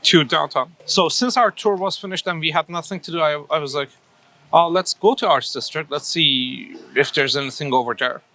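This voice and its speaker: Man from Turkey, 30s, bright and fairly high voice, thoughtful interview guest with lots of restarts. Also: moderate pace. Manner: thoughtful, many fillers and restarts. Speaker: coffee shop owner, guest. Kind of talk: casual interview answers.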